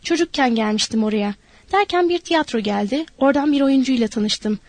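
A woman's voice: sits high, no echo. A woman voicing a lonely, restless young wife. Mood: eager. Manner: eager, rushing, pleading. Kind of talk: audiobook character voice.

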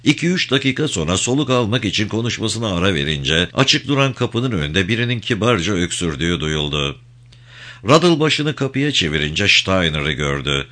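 A man narrating an audiobook with an expressive reading. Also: low-pitched, moderate pace.

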